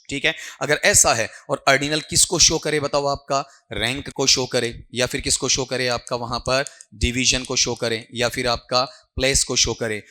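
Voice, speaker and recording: A male tutor runs through exam questions, quizzing his students as he goes. His voice is middle in pitch and bright and forceful. He checks in with "ठीक है" again and again. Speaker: teacher. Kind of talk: exam-prep lecture.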